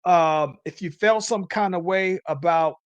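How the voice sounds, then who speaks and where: A man's voice: sits high, a little slow, smooth, no echo, muffled recording. A man hosting a casual podcast, rambling along and tagging his sentences with "though, man". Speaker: podcast host.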